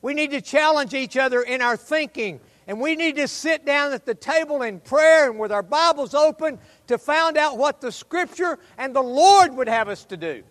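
A man preaching a sermon as a pastor, fervent and exhortative, appealing directly to his listeners and swinging between loud emphasis and hushed asides. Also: very high voice, lively intonation, normal speed, few pauses. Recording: hall reverb.

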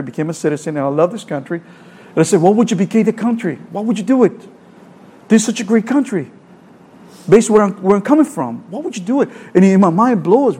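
A middle-aged man from El Salvador preaches with earnest conviction, his Salvadoran Spanish accent carrying rhetorical questions and repeated phrases. His voice is high-pitched and mellow with a breathy edge.

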